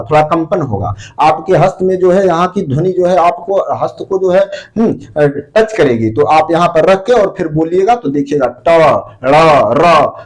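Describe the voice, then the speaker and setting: A man's voice: fairly high pitch, a little mellow. A man teaching Sanskrit grammar for exam preparation, explaining patiently, repeating terms and sounding out syllables. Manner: frequent fillers. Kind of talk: exam-prep grammar lesson.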